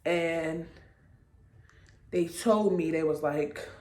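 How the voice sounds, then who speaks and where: Speaking extremely slowly in a low, darkish voice, a young woman vlogger in her twenties recounts a personal story to camera. She keeps it casual, pausing for little asides to check in with viewers, and the room gives a noticeable echo.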